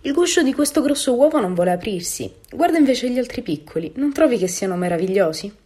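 Woman doing a high, fond mother duck. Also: lively intonation, quick pace, lightly acted. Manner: bright, protective. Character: loving stubborn mother duck.

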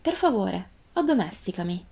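A woman voicing a gentle, wise female fox with a calm, earnest tone in a storybook reading. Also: mid-range voice, normal speed, vocal fry, breathy edge, heavily acted.

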